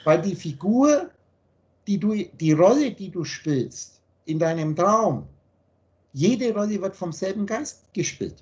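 A man's voice: high voice, big pitch swings, takes it slowly, darkish tone, lo-fi sound. A man with a German accent lecturing over a video call in a blunt, insistent way, driving his points home with everyday examples. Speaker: spiritual teacher.

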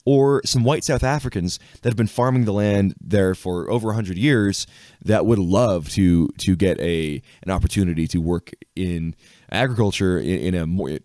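Deep-voiced rambling male podcast host. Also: normal speed, mellow, dry recording, clean studio sound. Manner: rambling, filler-heavy, laughs often. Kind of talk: casual chat.

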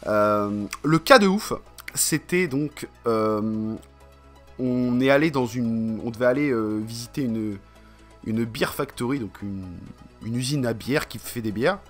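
A man's voice: mid-range voice, unhurried, faint music behind. A man from France chatting casually to camera in a vlog, rambling and slangy, with many fillers. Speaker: vlogger.

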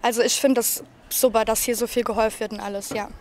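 A woman's voice: on the high side, level tone, fast talker, a little mellow. A woman in her late twenties from Germany, a youth office worker, answering earnestly outdoors into a handheld mic. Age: 20s. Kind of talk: casual interview answers. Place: outdoors by a building. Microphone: handheld mic held by interviewer.

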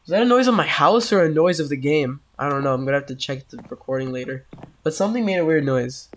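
A man's voice: a little high, lively intonation, quick pace. A man who is sick, giving casual, jokey let's-play commentary on a horror game and getting easily spooked. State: sick, coughing. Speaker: gameplay commentator.

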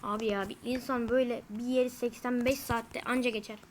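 A fairly high-voiced woman chats through her own gameplay, speaking straight to her viewers. She is quick to grumble and exclaim when things go wrong. A faint noise hums behind her. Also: level tone, low-quality recording. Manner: easily frustrated, grumbling and exclaiming. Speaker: gamer. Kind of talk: casual gameplay commentary to viewers.

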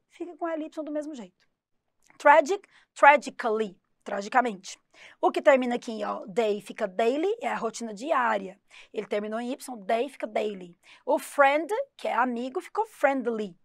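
A woman teaching an English lesson for exam prep, chatty and explaining slowly, spelling out words letter by letter. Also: high voice, no echo, studio quality.

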